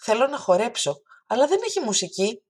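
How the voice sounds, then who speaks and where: A woman's voice: very animated, breathy edge. A woman voicing an eager, curious little girl in a storybook reading. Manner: high, bright, insistent when refusing.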